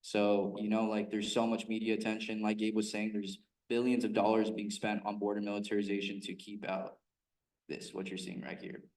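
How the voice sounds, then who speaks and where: A man's voice: on the low side, completely flat delivery, normal speed, a little mellow. Casual man presenting in a roomy space. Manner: casual, with many fillers like "like" and "um". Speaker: presenter of a report-back. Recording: roomy, distant mic.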